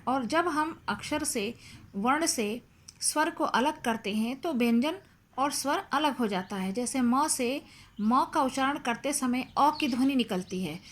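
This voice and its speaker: Slow, high-voiced woman teaching. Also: a bit bright. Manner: slow, deliberate, spelling out sounds one by one. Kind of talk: Hindi grammar lesson.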